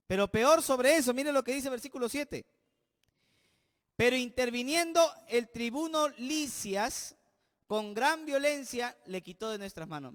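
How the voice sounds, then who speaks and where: Pastor, emphatic sermon, lots of questions to the church, long hall echo. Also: male voice, very high-pitched, a bit bright. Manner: emphatic, keeps asking the congregation questions. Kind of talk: expository sermon.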